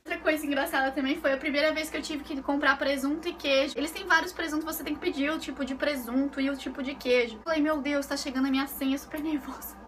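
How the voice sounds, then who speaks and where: A woman's voice: high-pitched, fast talker, few pauses, slight background noise. A woman with a Brazilian Portuguese accent, telling stories in a casual vlog from her bedroom and acting out the voices of the people she quotes. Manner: animated, acts out quoted voices. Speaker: vlogger.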